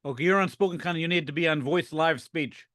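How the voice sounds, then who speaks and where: A man's voice: fairly high pitch, fast talker, fairly bright tone, dry recording, clean studio sound. A man at an online meetup, patiently talking someone through settings step by step. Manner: patient, methodical. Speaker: meetup participant. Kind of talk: giving step-by-step directions.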